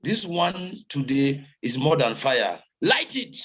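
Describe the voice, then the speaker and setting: A man's voice: on the high side, big pitch swings, takes it slowly, a bit bright, slightly rough. A man hosting an online meeting, giving a preachy motivational talk to the crowd over a video call. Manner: preachy, exhorting crowd, repetitive.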